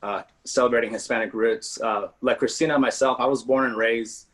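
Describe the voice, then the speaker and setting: A man's voice: medium pitch, fairly even intonation, a little fast, a bit bright. A man from California's Napa Valley, a winemaker on a virtual panel, speaking politely with many fillers.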